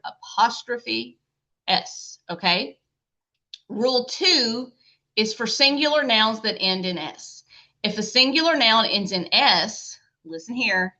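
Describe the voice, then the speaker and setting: A woman's voice: mid-range voice, pushed and bright. A middle-aged woman teaching a recorded grammar lecture in a chatty way, often checking in with "okay?" and "right?". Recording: dull lo-fi lecture audio.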